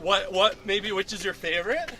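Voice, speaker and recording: A man's voice: sits high, expressive, normal speed. A man hosting a casual interview outdoors while he runs along. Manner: talking while running. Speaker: interview host. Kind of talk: casual chat. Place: outdoors on a run. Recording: distant mic, faint outdoor noise.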